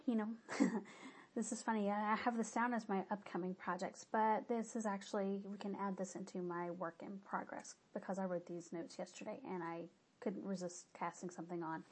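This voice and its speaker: A knitting podcaster with a husky, mid-range voice and a stuffy nose gives a casual, rambling update on her projects. She frequently stops to correct herself.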